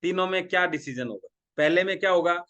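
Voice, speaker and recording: A man from India with a fairly high voice gives a sales training talk. He keeps putting questions to his listeners and acts out little exchanges between a seller and a buyer. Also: fast talker, sharp tone, dull audio. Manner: talks through role-played dialogues, asking the audience questions. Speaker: direct selling trainer.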